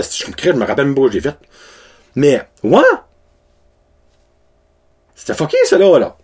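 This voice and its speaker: A man's voice: on the high side, a little mellow, slightly rough. A man in his thirties with a Québécois French accent, casually chatting to his followers in a loose, slangy way and mixing in English words. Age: 30s. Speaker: vlogger.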